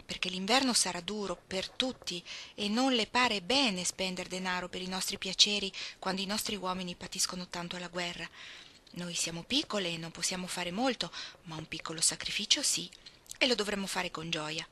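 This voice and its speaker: A woman's voice: fairly low pitch, moderate pace, bright, forceful tone, a little hiss or hum. A woman reading as the eldest sister, plaintive and given to lecturing the younger ones.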